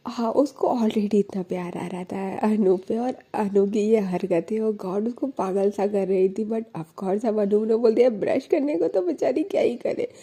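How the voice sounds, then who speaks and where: A woman's voice: mid-range voice, unhurried, hardly any pauses, dark tone, husky. A woman telling a romance story in a chatty, conversational way with casual asides.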